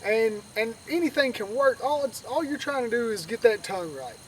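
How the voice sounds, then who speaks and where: This male duck calling instructor has a noticeably high voice and teaches in an expressive, conversational style at normal speed. He's recorded outdoors from a distance, with faint noise around him.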